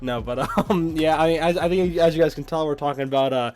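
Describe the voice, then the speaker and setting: Young man, podcast host, casual rambling chat, slightly high voice. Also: fast talker, darkish tone, soft background music. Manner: rambling, many fillers, laughs often.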